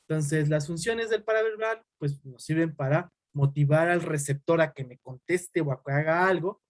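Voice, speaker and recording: A young adult man teaching an online class, talking quickly and often checking in with his students. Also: on the high side, no echo. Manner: fast-talking, uses "¿sale?" as a tag.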